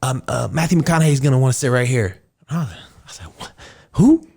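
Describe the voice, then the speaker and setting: A man's voice: mid-range voice, quick pace, vocal fry, breathy edge. A man in his thirties, a podcast host telling a story in casual chat and acting out the people in it with raised voices. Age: 30s. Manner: animated storyteller, acts out quotes in raised voices.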